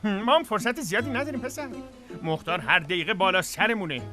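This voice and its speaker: A man's voice: sits high, expressive. An actor dubbing an older father who quizzes his sons about their scheme. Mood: probing. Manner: probing, wry. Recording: dubbed film with music behind.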